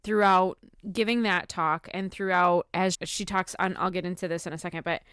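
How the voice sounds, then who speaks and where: A woman's voice: lowish voice, steady tone, moderate pace, fairly bright tone, smooth, no room sound, clean studio sound. A woman hosting a podcast, recapping in an informal, giggly, chatty way. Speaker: podcast host. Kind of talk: casual chat, recapping a talk.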